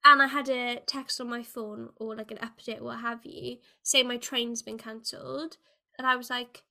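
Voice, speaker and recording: A woman with a Welsh accent hosting a casual chat, telling stories in an animated, exaggerated, giggly way. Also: fairly high pitch, normal speed. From Wales. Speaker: video host.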